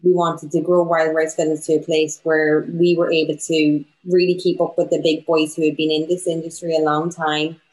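A young woman from Donegal with a west of Ireland accent talks casually in an interview. Her voice sits on the low side, and she speaks as a small business owner in conversation. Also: flat delivery, normal speed, hardly any pauses, a little mellow, low-quality recording. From County Donegal, Ireland. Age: young adult.

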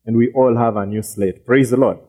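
A man's voice: medium pitch, fairly even intonation, a little fast, warm tone. A man preaching a sermon as pastor, repeating words, often checking "you get it?" and acting out quoted voices.

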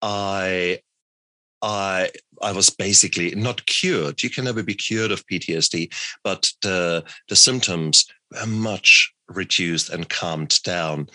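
Deep, bright-toned male podcast host. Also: steady tone, unhurried, dry recording. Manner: frequent restarts and fillers. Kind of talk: casual interview.

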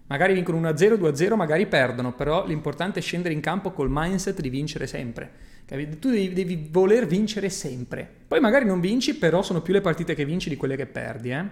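A man talking casually to his livestream viewers as a personal growth coach, emphatic and blunt, swearing freely and often checking that they follow him. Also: on the high side. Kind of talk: casual livestream talk reading viewer comments.

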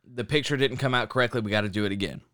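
A man quoting a smooth-talking adult man who poses as a detective, in a casual, offhand way. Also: mid-range voice, very fast, fairly bright tone, no echo, studio quality, lightly acted. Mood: scheming.

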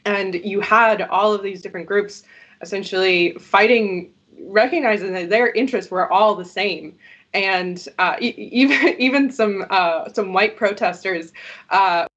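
Give me a woman on a cutting-out video call, hesitant and full of fillers, husky and muffled. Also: mid-range voice, unhurried, fairly bright tone. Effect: glitching, cutting-out audio. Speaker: panel guest. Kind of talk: online panel discussion. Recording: dull lo-fi call audio.

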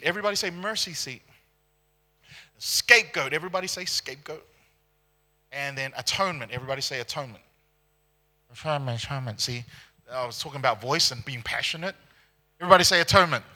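A man from Singapore, preaching a conversational sermon with animated storytelling and frequent tag questions. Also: fairly high pitch, fairly quick, pauses often. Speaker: pastor.

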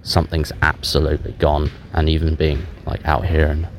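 A man speaking haltingly and candidly in a low-spirited, self-deprecating way, making a casual confessional audio diary on a handheld voice recorder outdoors. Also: monotone. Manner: hesitant, halting, candid with frequent long pauses. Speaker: podcast host. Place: outdoors in a public park while out walking. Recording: handheld dictaphone recording outdoors, background noise. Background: outdoor park ambience.

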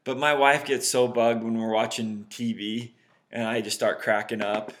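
A married man co-hosting a casual podcast, agreeable and quick with short replies. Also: mid-range voice, little pitch movement. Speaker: podcast co-host. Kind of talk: casual chat.

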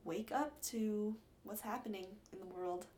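Medium in pitch and somewhat dark, this young adult woman's voice moves unhurriedly, with slight background noise. She's an upbeat podcast co-host from Atlanta, Georgia, on a casual college radio show, frequently laughing between prepared lines.

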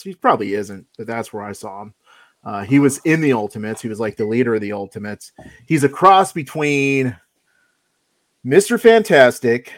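A man co-hosting a casual podcast chat, animated and exclamatory, calling people "dude.". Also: mid-range voice, no room sound. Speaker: podcast co-host.

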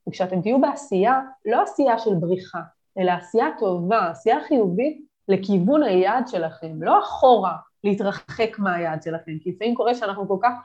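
A woman business coach speaking as a guest on a podcast, giving energetic motivational advice with lively emphasis. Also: medium pitch, hardly any pauses, muffled recording.

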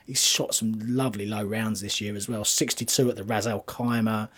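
A man talking through golf form, statistics and betting picks as a commentator, in a conversational, analytical way with a slightly husky voice. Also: on the low side, fairly even intonation, normal speed, fairly bright tone.

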